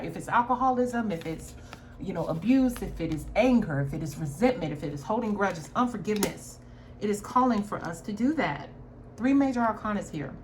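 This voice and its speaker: A woman's voice: medium pitch, a little hiss or hum. A woman giving an earnest, reflective tarot reading and often checking in with her viewers. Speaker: tarot reader. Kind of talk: spiritual tarot reading monologue.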